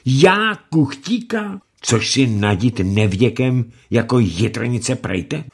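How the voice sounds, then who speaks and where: Man voicing Lamme, a fussy high-pitched fat cook. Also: big pitch swings. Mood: indignant grumbling. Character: fat fussy male ship's cook, grumbling, tender-hearted. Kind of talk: audiobook character reading.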